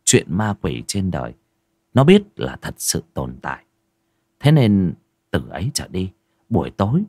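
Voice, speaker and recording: A man narrating a ghost story in a lively, dramatic storytelling manner. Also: low-pitched, slightly rough, dry recording, clean studio sound.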